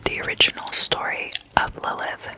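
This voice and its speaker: Everything this ASMR host says is whispered: relaxed explanations delivered in short, measured, quiet phrases.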